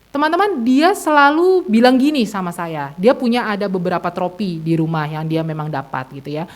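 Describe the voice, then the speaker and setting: A woman's voice: medium pitch, lively intonation, a little fast. A woman pastor giving a conversational sermon to young people in a church meeting room, telling stories and asking the listeners questions. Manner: chatty storytelling with tag questions to the listeners. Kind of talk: conversational sermon to a youth congregation.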